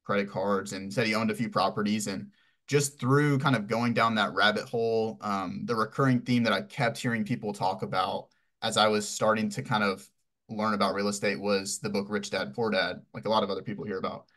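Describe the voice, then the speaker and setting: Young guest from Texas, twenties, lowish voice, loose rambling storyteller full of ums. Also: male voice, steady tone, brisk, a bit bright. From Houston, Texas. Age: 20s. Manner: rambling, filler-heavy storytelling. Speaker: podcast guest. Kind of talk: casual interview answers.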